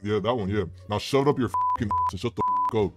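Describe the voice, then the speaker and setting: A man's voice: lowish voice, wildly swooping pitch, fast. A young man hosting prank video chats with strangers, casual, crude, foul-mouthed and teasing. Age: young adult. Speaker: host of a prank video chat show. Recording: music playing behind the talk.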